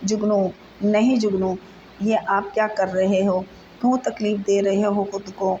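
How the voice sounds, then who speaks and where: A woman's voice: medium pitch, little pitch movement, mellow, lo-fi sound, a little hiss or hum, natural voice. A woman reading as a pleading young wife. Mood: frantic. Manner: coaxing, pleading.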